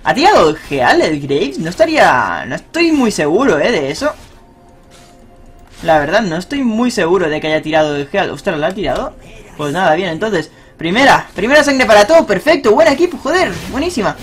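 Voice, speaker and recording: A young man giving live, excitable commentary on his own ranked game, swearing and cheering at big plays. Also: a little high, normal speed, faint music behind. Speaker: gaming streamer.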